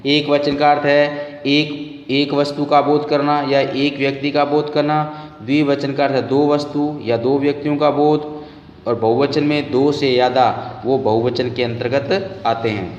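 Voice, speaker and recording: A man teaching a class, patiently repeating word forms slowly for his students. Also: medium pitch, fairly even intonation, darkish tone. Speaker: Sanskrit teacher. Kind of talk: classroom lesson. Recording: roomy, distant, dull lo-fi sound.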